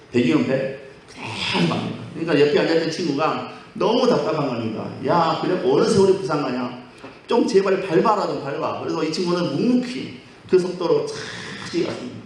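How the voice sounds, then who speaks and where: Pastor telling jokes in an echoey hall. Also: male voice, a little high, a little hiss or hum. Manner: storytelling, acting out dialogue. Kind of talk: sermon with humorous anecdotes. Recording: very echoey hall, mic at a distance.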